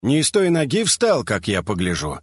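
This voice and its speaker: A man's voice: mid-range voice, wildly swooping pitch, moderate pace, husky, no echo. A man voicing a cheerful, naive young male mutant, upbeat and friendly. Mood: teasing.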